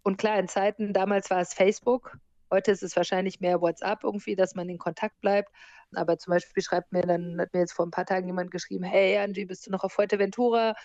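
This is a woman in her forties with a soft, mellow voice, chatting easily about her life and laughing often. The sound is close and dry, with a slightly muffled, lo-fi quality. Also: mid-range voice, fast, no room sound. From born in the US, grew up in Germany. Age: 40s. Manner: lively, laughs often while telling stories. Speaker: interview guest, surf instructor and hostel owner. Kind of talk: relaxed conversational interview.

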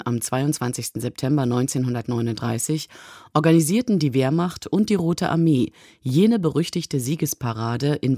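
Man reading nonfiction book bits, middle pitch, scripted, dry studio sound. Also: dark tone, dry recording. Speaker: reader of book excerpts. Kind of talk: scripted read-aloud of non-fiction.

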